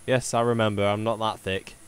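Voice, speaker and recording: A man playing a gruff grumpy cat. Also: little pitch movement, fairly quick, slight background noise, lightly acted. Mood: dry. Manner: dry, gruff, low.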